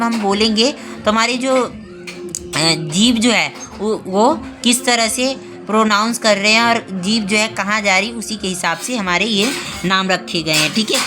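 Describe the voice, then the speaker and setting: A woman teaching a grammar class online, explaining step by step and pausing to check the class is following. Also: medium pitch, sharp tone. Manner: spells out sounds slowly, one by one.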